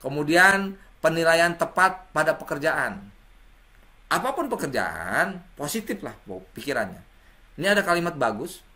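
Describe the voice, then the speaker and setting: A middle-aged man gives a lively classroom lecture, talking straight to his students. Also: on the high side, normal speed. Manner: lively, addresses students directly, acts out examples.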